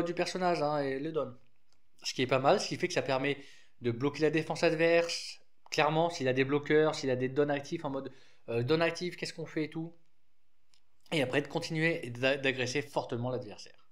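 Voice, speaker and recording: A man's voice: on the high side, moderate pace. A man with a lisp explaining a card game deck in a loose, rambling way, full of restarts. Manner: rambling, frequent restarts and fillers, informal.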